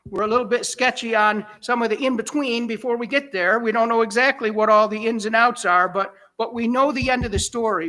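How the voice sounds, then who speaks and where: A man preaching in a relaxed, talk-with-the-congregation way, chuckling now and then and correcting himself. His voice sits high for a man and rings bright and forceful. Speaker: pastor. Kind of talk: sermon.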